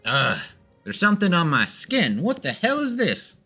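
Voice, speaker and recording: A man's voice: high voice, wildly swooping pitch, normal speed, sharp tone, husky, faint music behind, voice pushed up, heavily acted. A man voicing a startled farmhand with a Southern accent in a tabletop game. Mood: alarmed. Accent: American Southern. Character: startled young farmhand man, plain-spoken.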